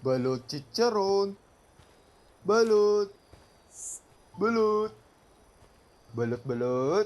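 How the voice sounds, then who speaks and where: Man acting as a slow, high-pitched Filipino balut vendor crying his wares. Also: big pitch swings, darkish tone, heavily acted. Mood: calling out. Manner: drawn-out repetitive calling out. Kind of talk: street vendor's sing-song hawking cry.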